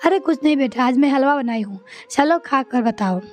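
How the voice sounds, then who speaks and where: A woman voicing a high-voiced older mother-in-law. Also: expressive, normal speed, faint music behind. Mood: gentle. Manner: complaining, scolding. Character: older mother-in-law, sharp-tongued, later remorseful.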